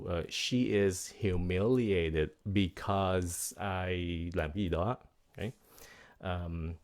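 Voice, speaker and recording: A man teaching English vocabulary in a bilingual lesson, explaining words slowly and repeating pronunciations, switching between English and Vietnamese. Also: deep voice, darkish tone. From United States.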